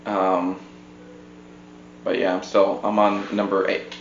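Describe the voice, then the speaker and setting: Here a man with a deep, monotone voice speaks slowly while co-hosting a laid-back home podcast in a conversational style. The recording, made on a podcast mic on a tripod, sounds muffled and roomy, with a background hum.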